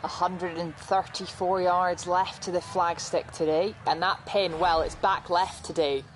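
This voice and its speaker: A woman's voice: fairly low pitch, steady tone, a little slow, slight background noise, lightly acted. A woman giving an on-course golf report as part of a broadcast commentary team.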